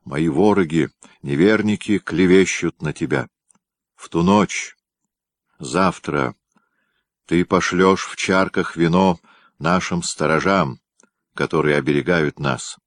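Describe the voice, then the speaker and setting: A man voicing a troubled, tender tsar in a read-aloud historical story, speaking solemnly and gently. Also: low voice, takes it slowly, pauses often, no room sound, clean studio sound. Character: brooding older tsar, tender but troubled. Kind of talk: audiobook reading.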